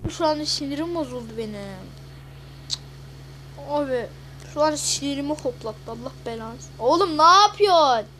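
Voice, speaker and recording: A woman giving casual, excitable gameplay commentary, exclaiming and grumbling as she plays. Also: sits high, slight background noise. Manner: excitable, swears and exclaims a lot. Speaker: gaming video host.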